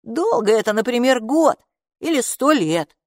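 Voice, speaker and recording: A woman's voice: a little high, sing-song, measured pace, darkish tone, dry recording, studio quality, pitched above the performer's own voice. A woman reading aloud, voicing a matter-of-fact, know-it-all young boy in a children's audiobook. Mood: confident. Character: clever, cocky young boy, the brother.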